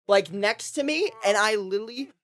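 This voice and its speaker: A woman's voice: mid-range voice, animated, a little fast. A young woman co-hosting a comedy podcast, telling stories dramatically with sudden shrieks. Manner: dramatic storyteller, shrieks when she reenacts. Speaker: podcast co-host. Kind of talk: casual comedy banter.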